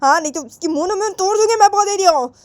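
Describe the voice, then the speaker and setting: A woman's voice: very high voice, very fast, darkish tone, dry recording, pitched above the performer's own voice. A woman doing a bossy, nagging mother. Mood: threatening. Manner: nagging, ordering, repeats threats. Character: bossy scolding middle-aged mother.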